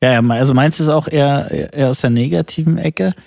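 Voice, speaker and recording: Relaxed guy telling a story, mid voice, dry sound, lots of "ja genau". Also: mid-range voice, fast talker, gravelly, no room sound. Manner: relaxed storyteller, frequent agreeing backchannels. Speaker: podcast co-host. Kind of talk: casual chat.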